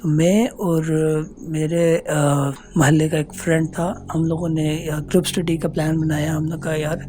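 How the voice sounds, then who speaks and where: A man telling a true ghost story as a casual voice note, earnest and hesitant, pausing often. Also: fairly high pitch, level tone, darkish tone, a little hiss or hum. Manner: earnest, unhurried, hesitant with many pauses. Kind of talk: casual spoken recounting of a true horror experience. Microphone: phone voice note.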